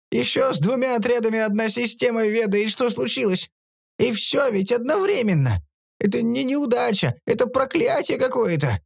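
A man voicing a cowardly male mercenary tech who whines and panics in a high, whimpering voice. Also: vocal fry, no echo, studio quality, full character voice. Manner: whimpering, hysterical, high-pitched.

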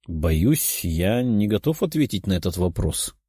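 A man voicing a calm young demon. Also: deep voice, measured pace, breathy edge, no echo, clean studio sound, full character voice.

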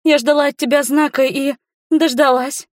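Shrill clingy young sorceress, as a reader puts her on. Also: fairly even intonation, normal speed, no room sound, studio quality, close to an everyday voice. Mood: pleading. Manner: shrill, pleading, breathless. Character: clingy lovestruck young female mage student.

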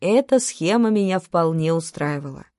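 A woman's voice: fairly low pitch, expressive, normal speed, a little mellow, no echo, studio quality. A woman narrating a first-person story in an ironic storytelling manner. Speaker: audiobook narrator.

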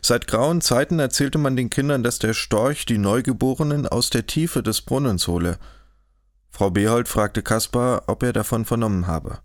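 A man narrating a historical novel in an audiobook, in a measured, even storytelling manner, close to the mic. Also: medium pitch, no echo. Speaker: audiobook reader. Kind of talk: scripted narration.

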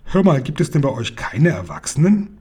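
A man's voice: fairly high pitch, sing-song, normal speed, dark tone, husky. A man voicing an eager, curious young boy who keeps asking astonished questions in a storybook reading.

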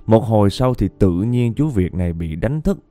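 A man's voice: lowish voice, expressive, normal speed, warm tone, no echo, studio quality. A man narrating ghost stories in a chatty way, often speaking straight to his listeners. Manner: chatty, keeps addressing listeners. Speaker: storyteller.

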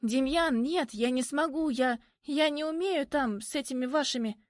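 A woman voicing a timid, easily frightened young woman in an audiobook, speaking high and hesitantly. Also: fairly even intonation, measured pace, no echo, studio quality, close to an everyday voice. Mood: shrill panic. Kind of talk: audiobook reading.

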